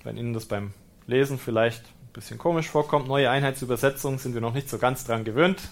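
A man, a priest, reads a Gospel passage and explains it in a reflective sermon, calm and lightly humorous. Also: medium pitch, a little fast. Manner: German-speaking preacher. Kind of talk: sermon with scripture reading.

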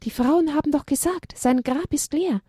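A woman's voice: sits high, moderate pace, warm tone, dry recording, clean studio sound, voice pushed up, close to an everyday voice. A woman voicing a caring female animal in a children's story, coaxing and eager.

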